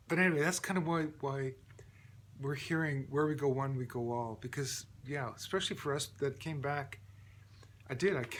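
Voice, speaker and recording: A man hosting his own channel, talking in a loose, rambling monologue full of restarts and fillers, often clearing his throat. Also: medium pitch, a bit bright, slight background noise. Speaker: channel host. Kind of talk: casual monologue.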